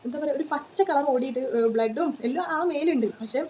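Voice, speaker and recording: A woman's voice: sits high, a little fast, warm tone, muffled recording, slight background noise. A woman, telling a personal story in a casual vlog, chatty with lots of fillers and "you know" tags. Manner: chatty, tags sentences with 'you know', many fillers. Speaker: vlogger.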